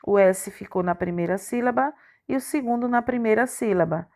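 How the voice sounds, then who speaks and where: A woman's voice: on the high side, moderate pace, a little mellow. A woman teacher, giving a recorded grammar lesson to young children and spelling out letters and syllables one by one. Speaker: primary school teacher.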